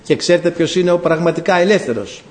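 A man's voice: a little high, darkish tone. A man preaching a sermon with passion, firing rhetorical questions at his listeners and reciting scripture in formal, archaic phrasing. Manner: impassioned, fires rhetorical questions.

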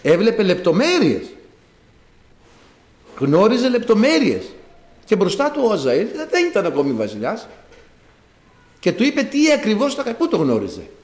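A man preaching a sermon, retelling a Bible story in an animated way and acting out the characters' words. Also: high-pitched, long pauses. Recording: echoey room.

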